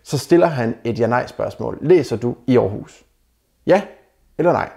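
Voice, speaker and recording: A man with a gravelly, mellow voice talks straight to his viewers in a casual advice vlog. He picks apart bad dating messages in a blunt, mocking way and keeps calling his audience guys. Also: medium pitch, lively intonation. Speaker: dating advice video maker. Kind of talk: casual advice commentary to camera.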